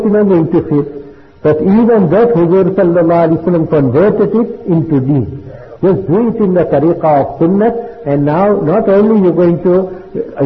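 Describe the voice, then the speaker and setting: A man giving an earnest sermon, sprinkling his with religious terms. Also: on the high side. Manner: earnest preaching mixing English with Urdu and Arabic terms. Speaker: Islamic preacher. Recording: echoey hall on a tinny line.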